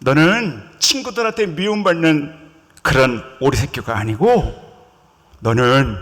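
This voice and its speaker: Gentle, reassuring swan friend, voiced by a male pastor; storybook tone, church reverb. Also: on the high side, a little slow. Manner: whispering comfort, counseling.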